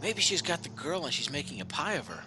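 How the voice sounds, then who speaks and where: A man's voice: on the high side, sing-song, quick pace, background noise. A man playing a tabletop role-playing game, chatting casually and partly speaking in character. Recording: music behind the voice.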